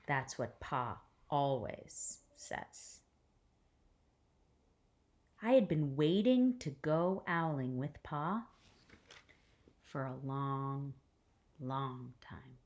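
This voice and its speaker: A woman teacher reads a picture book aloud to children with expression, pausing deliberately and letting her phrases trail off into a hush. Her voice has a low, rumbling quality.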